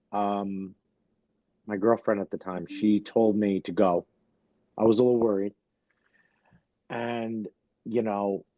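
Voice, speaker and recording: A man, a wrestler guest on a podcast, telling a story in halting speech full of fillers and restarts, close to tears. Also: on the low side, dark tone, dry recording, lo-fi sound. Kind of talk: emotional podcast interview.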